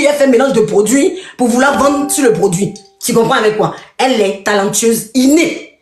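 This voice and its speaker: A woman's voice: a little high, roomy sound. A woman, commentating in a mocking, repetitive live rant aimed straight at a rival. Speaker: online commentator.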